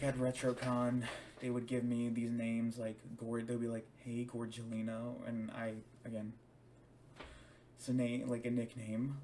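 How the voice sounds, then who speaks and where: A man's voice: mid-range voice, darkish tone, far from the mic, slight background noise. A young man telling a personal story to the camera, hesitant, with frequent restarts and repeated words. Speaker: DJ and stage performer. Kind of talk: personal account told to camera.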